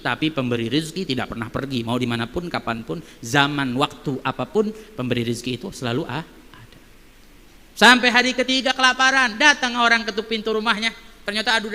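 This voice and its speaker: High bright man preaching in echoey hall. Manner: animated, many rhetorical questions. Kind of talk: sermon with storytelling. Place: mosque hall.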